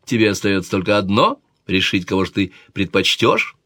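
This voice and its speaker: A man's voice: fairly low pitch, very animated, fairly quick, a bit bright, dry recording. A man voicing a worried young princess who pleads with her brother in an audiobook reading. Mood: persuasive. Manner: pleading, persuasive.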